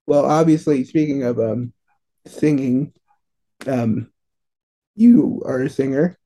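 Very dark-voiced male interviewer. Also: medium pitch, takes it slowly. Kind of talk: casual interview questions.

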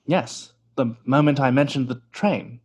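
A man's voice: medium pitch, a little slow, a little mellow, slightly rough. An actor playing a vain, pompous male stage actor who talks theatrically and scoffs, in an old-time radio drama.

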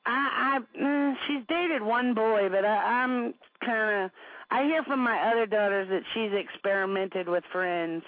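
A woman's voice: a little high, measured pace, no echo. Blunt, laughing woman host on tinny radio. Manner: frank, blunt storyteller who swears and laughs often. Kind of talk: casual chat. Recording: tinny phone-like radio sound.

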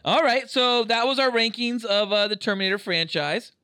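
A man's voice: extremely high pitch, fairly even intonation, bright, forceful tone, clean tone. A man co-hosting a podcast, chatting and joking about movies. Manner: joking, laughing, quick comebacks. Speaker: podcast co-host. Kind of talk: casual movie talk.

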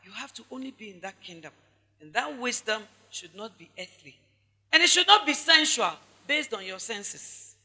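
A woman's voice: on the high side, animated, moderate pace, sharp tone, long reverb tail. A woman pastor with a Ghanaian accent preaching a sermon, stressing her points by repeating them and speaking straight to the congregation. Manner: emphatic preaching with repetition and asides to the congregation.

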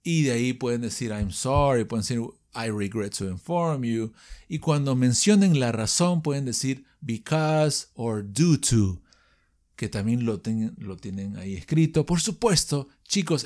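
A man's voice: mid-range voice, animated, normal speed, darkish tone. A man from Peru with a Peruvian Spanish accent, teaching English phrases in a podcast lesson and often checking in with his listeners.

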